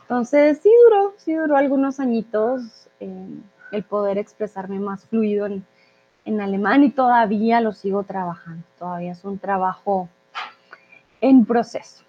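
A woman from Colombia, a language teacher, casually answering viewer questions in a live chat, often pausing on "eh". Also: medium pitch. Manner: chatty, with frequent "eh" fillers. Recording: thin phone-like audio.

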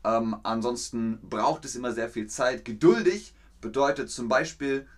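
A man teaching a live online language lesson, answering chat questions patiently and repeating example sentences clearly. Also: mid-range voice, normal speed. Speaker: German language teacher streaming.

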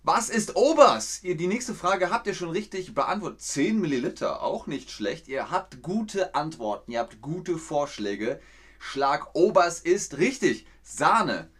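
A man's voice: a little high, sing-song, unhurried, a bit bright, breathy edge. A man from Austria, hosting a livestreamed dialect quiz in a playful, encouraging way. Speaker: quiz host teaching dialect words.

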